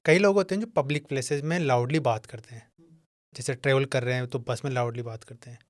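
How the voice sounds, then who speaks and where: Host, quick-fire questioner, brief interjections, dry close mic. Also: mid-range voice, dry recording. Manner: brief questions and listening murmurs.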